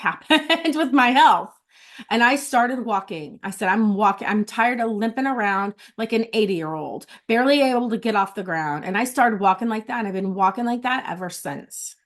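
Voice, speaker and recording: A middle-aged woman in a casual vlog sharing her notes from a retreat, heartfelt and close to tears, often restarting her phrases. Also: a little high. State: tearful.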